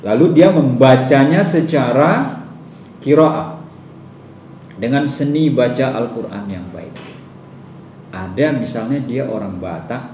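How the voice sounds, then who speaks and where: A male lecturer talking to a class with lively, rising and falling pitch and a mellow, dark tone. He stresses his points and puts questions to his listeners. The voice sounds echoey and picked up from a distance in a lecture hall, with faint noise behind it. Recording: echoey room from far off.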